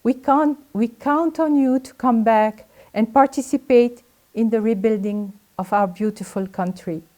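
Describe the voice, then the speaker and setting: An older woman from Lebanon speaks at a graduation, her voice set a little high and mellow in tone. She reads a formal prepared address in an earnest, exhorting way. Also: a little slow.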